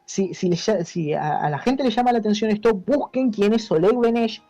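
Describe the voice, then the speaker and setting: An Argentine man with a high-pitched, warm voice speaks at a moderate pace as an interview guest, explaining things informally like a teacher and checking understanding with short tag questions. He has an Argentine Spanish accent, and the audio is dull and lo-fi with music behind him.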